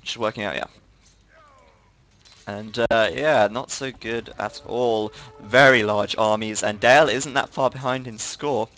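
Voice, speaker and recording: A man's voice: mid-range voice, fairly even intonation, unhurried, a bit bright, low-quality recording. A tired man giving live play-by-play commentary on a strategy game, with frequent fillers. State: tired, yawning.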